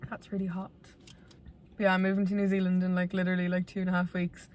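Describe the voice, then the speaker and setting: A woman's voice: lowish voice, completely flat delivery, fast, a little mellow. A woman in her twenties with a west of Ireland accent, chatting casually and candidly to viewers in a rambling, self-deprecating way. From Galway, Ireland. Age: 20s. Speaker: vlogger.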